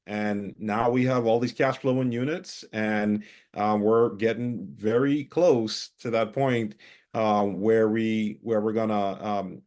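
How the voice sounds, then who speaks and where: A man's voice: on the low side, a little mellow. A man from the Bahamas, giving a casual testimonial over a video call, hesitant and full of fillers. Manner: hesitant, many fillers and restarts. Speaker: coaching student giving a testimonial.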